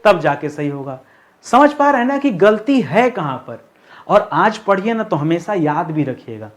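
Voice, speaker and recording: A male Hindi teacher giving an online exam-prep lesson, explaining step by step and asking and answering his own questions, slowing down to spell out key words. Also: high-pitched.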